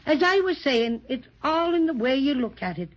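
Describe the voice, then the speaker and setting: Chatty boastful teddy bear played by a woman, folksy phrasing, fairly high voice, dull 1930s radio recording. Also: sing-song, moderate pace. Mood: cheerful, chatty. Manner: chatty, folksy phrasing with throat-clearing and "to be sure". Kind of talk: 1930s children's radio drama.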